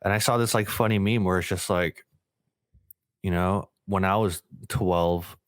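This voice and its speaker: A man's voice: sits low, fairly even intonation, measured pace, no echo, clean studio sound. A young man co-hosting a casual podcast, talking in loose slang with many fillers. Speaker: podcast co-host. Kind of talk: casual chat.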